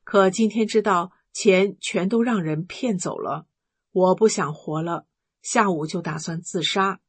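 A woman's voice: fairly low pitch, measured pace, slightly rough, no room sound. A woman reading out the words of a desperate middle-aged man on the phone, emotional and pleading.

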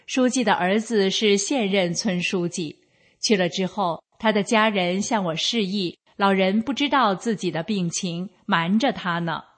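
A woman giving a scripted reading of a first-person account in a slow, even, measured way. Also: medium pitch.

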